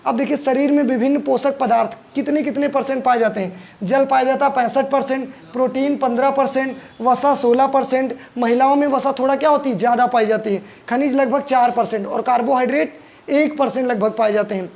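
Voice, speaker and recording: Male science tutor, very high, gravelly voice; quizzes his students and answers himself. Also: fairly even intonation, a little fast, a little mellow. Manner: asks the class questions and answers them himself; explains step by step, repeating key terms. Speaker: teacher. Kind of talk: exam-prep science lesson.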